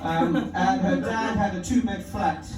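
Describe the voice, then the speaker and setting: A man from London speaks slowly in a high voice during a stand-up set on an indoor comedy club stage. His humor is wry and profane, and he chuckles at his own jokes. The echoey audio comes from far off, with crowd noise.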